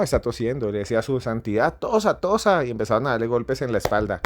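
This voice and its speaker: A man hosting a podcast, telling a story with theatrical, repetitive build-ups that swell to near-shouting. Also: fairly low pitch, no room sound. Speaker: podcast host. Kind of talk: dramatic storytelling narration.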